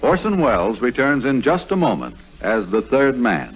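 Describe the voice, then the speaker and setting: Animated man, vintage radio announcer, swooping delivery, loud music behind, old broadcast recording. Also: mid-range voice, normal speed, poor audio.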